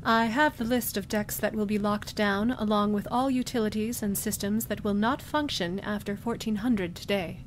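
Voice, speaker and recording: Playing a formal, unemotional Vulcan officer, a composed and logical woman starship commander, a woman performs in a sci-fi fan audio drama. She sounds cool and stern, her diction precise, her intonation fairly even, her pace moderate with few pauses, and her voice near an everyday one. Background noise is clear, with a low rumble.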